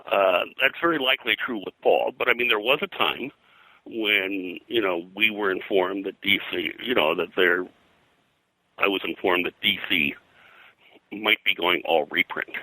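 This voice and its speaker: An older man, a veteran comics production artist appearing as an interview guest, reminisces casually in a very low voice with a hard, bright edge. His talk rambles, often halting, restarting and repeating phrases. The low-quality recording is dry and close, with no echo.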